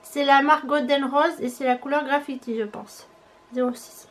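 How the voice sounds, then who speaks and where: A woman's voice: sits high, fairly even intonation, moderate pace. A young woman chatting casually as she unboxes a parcel on her vlog, thinking aloud and hesitating often. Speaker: beauty vlogger.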